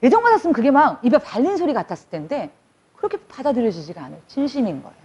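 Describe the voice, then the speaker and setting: Woman lecturer, lively conversational talk, mellow husky voice, dull lo-fi recording. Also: sits high, rapid-fire. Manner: lively, conversational, acts out quotes. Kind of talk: public lecture.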